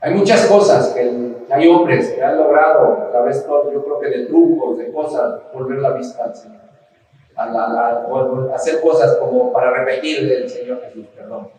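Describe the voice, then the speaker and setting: A man's voice: medium pitch, normal speed, a little hiss or hum. A man from Mexico preaching a sermon as pastor, delivering it with impassioned emphasis. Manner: impassioned preaching, rising to shouts in quoted cries. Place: church hall. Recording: echoey church hall, mic at a distance.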